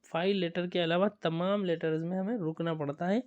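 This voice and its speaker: A man's voice: high voice, fairly even intonation, darkish tone, dull audio. A man teaching Quran recitation rules in an online lesson, patiently repeating points and checking that students follow. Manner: patient, repetitive, checks understanding with tag questions. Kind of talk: online lesson explaining on-screen examples.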